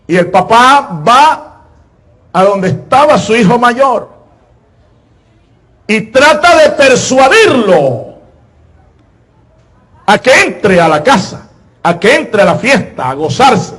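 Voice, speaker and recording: A man preaching a sermon in an emphatic style, repeating his phrases and often pausing on filler words. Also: very high voice, very animated, a bit bright, slightly rough.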